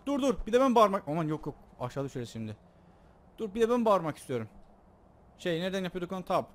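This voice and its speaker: A young man casually commenting on his own gameplay, joking and excitable, talking to his viewers. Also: high-pitched, quick pace. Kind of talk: casual let's play commentary.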